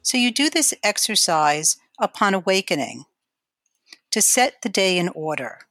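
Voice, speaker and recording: A woman giving guided imagery exercises in a calm, measured, instructional way. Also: mid-range voice, dry recording, soft background music.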